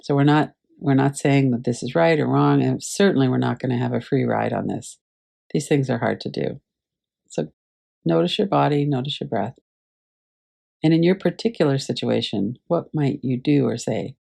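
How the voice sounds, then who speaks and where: A woman teaching a class over a video call, gently guiding listeners through a visualization with unhurried pauses. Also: a bass voice, vocal fry. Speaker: meditation teacher.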